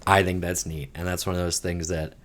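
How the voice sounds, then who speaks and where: A man's voice: low voice, little pitch movement, fairly quick, fairly bright tone. A man casually thinking aloud while solving a crossword, wandering into rambling asides with some mild swearing. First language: English. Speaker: podcast host solving a crossword. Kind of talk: casual solo puzzle-solving chat.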